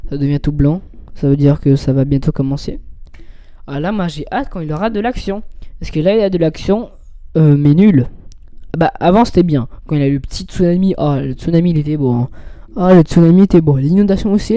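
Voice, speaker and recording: A man's voice: fairly high pitch, brisk, dark tone, dry recording. A young man giving casual, rambling commentary while playing a video game, reading game text aloud. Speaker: gaming youtuber.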